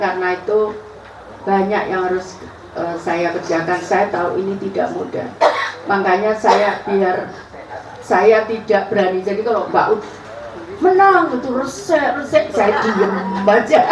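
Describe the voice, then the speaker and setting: A woman's voice: medium pitch, a little slow. East Javanese woman giving chatty campaign talk. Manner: chatty storytelling with frequent laughs. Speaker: political candidate. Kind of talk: informal campaign speech. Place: community event space. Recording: echoey, distant, noisy room.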